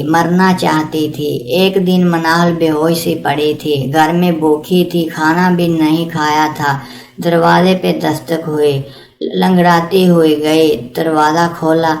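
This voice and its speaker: A woman narrating a moral story in a plain, steady reading. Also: low voice, recorded from a distance. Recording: echoey room.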